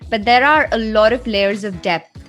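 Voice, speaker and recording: A woman's voice: on the high side, normal speed, fairly bright tone, soft background music. A woman hosting a podcast, introducing her guest and chatting in a playful, teasing way. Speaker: podcast host. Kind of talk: casual podcast conversation.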